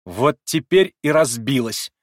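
A man reading aloud and voicing a distraught, defiant young orphan girl who shouts and sobs. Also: fairly quick, no room sound, studio quality, lightly acted. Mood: furious. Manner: shrill, sobbing, shouting outbursts.

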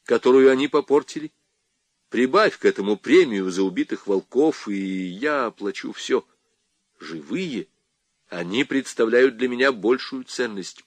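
A man voicing an excitable middle-aged zoologist with eager, exclaiming lines in an audiobook reading. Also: medium pitch, dry recording.

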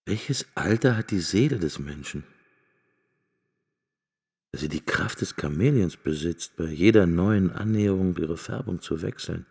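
A man reciting reflective lines in a radio drama, in a slow, meditative way. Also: sits low, lively intonation, gravelly, darkish tone, husky, full character voice. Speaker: narrating voice.

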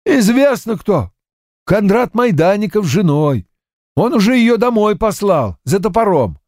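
A man's voice: sits high, sing-song, a little slow, darkish tone, no room sound, voice pushed up. A man plays a sly village man who teases an old man with mock menace, in an audiobook. The tone stays mocking and ominous. It is recorded dry and close.

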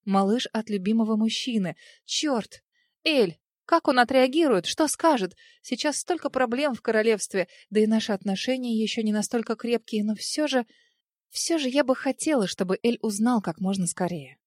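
A woman reading a first-person storybook narration in a lively, emotional way. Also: on the high side, normal speed, no echo, clean studio sound. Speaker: audiobook narrator.

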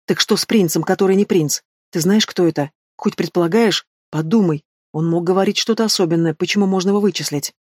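A woman voicing a lively, hurricane-like young female student who chatters rapidly and excitably in a storybook reading. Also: on the low side, husky, no echo, studio quality. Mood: pressing.

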